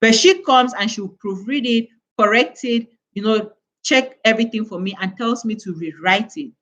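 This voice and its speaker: A woman's voice: fairly high pitch, normal speed, fairly bright tone. A woman from West Africa giving an earnest motivational talk to mothers on a live stream, full of rhetorical questions. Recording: dull, lo-fi sound.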